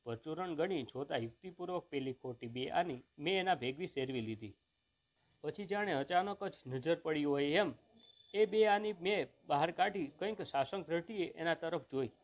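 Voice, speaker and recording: A man reading a humorous short story aloud in a measured, expressive first-person narration. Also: on the high side.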